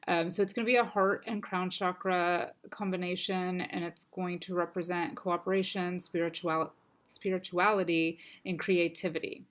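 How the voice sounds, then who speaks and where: With a somewhat low, flat-sounding voice, an American crystal and oracle card reader takes viewers through a casual weekly spiritual reading, gentle and unhurried. Allergies leave her sounding stuffy and scratchy, and soft ums fill her pauses.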